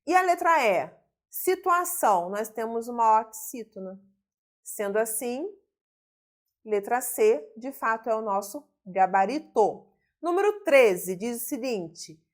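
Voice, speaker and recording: A woman with a Brazilian accent leads a grammar lesson, working through exam questions out loud. Her voice sits a little high. She stretches each word slowly, then rattles off a quick clipped verdict. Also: lively intonation. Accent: Brazilian Portuguese. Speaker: teacher.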